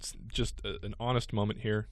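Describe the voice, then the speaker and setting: A man's voice: lowish voice, little pitch movement, a little fast, no echo, clean studio sound. A man co-hosting a casual morning radio show, reading odd news stories aloud with wry quips.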